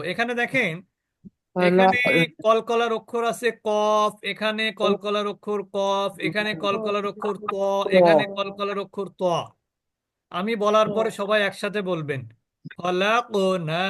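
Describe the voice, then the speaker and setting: Man, recitation teacher, high voice, slow drawn-out example words, quick explanations, dry close sound. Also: fairly bright tone, dry recording. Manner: stretches model words very slowly, then explains quickly. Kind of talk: call-and-response recitation lesson.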